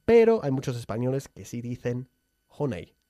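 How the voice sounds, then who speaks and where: A man's voice: medium pitch, big pitch swings, normal speed, mellow, no room sound. A man hosting an upbeat bilingual radio English lesson, who laughs often and drills pronunciation in a studio. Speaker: English teacher and host.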